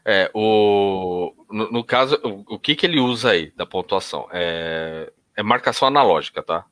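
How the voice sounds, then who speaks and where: A low-pitched man teaching in an easy, conversational style. He often restarts his sentences and shifts his tone to act out examples. The sound is dry and close, with almost no room behind him. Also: animated, normal speed, a bit bright, no room sound. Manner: explains with hesitant restarts, demonstrates intonation shifts. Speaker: NLP instructor.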